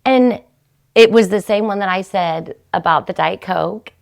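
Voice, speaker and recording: A middle-aged woman, hosting a podcast and telling a rambling story in casual chat, her pitch jumping when she gets excited. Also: a little slow, gravelly. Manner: chatty, rambling storyteller with animated jumps in pitch. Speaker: podcast host.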